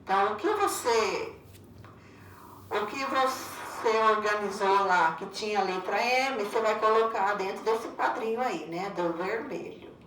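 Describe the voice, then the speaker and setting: With an unhurried pace and a mid-range, fairly bright voice, this Brazilian teacher patiently guides children through a video lesson in Brazilian-accented Portuguese, repeating instructions and tagging many lines with "né?" She sits far from the mic, so there's roomy echo, faint ambience and slight noise.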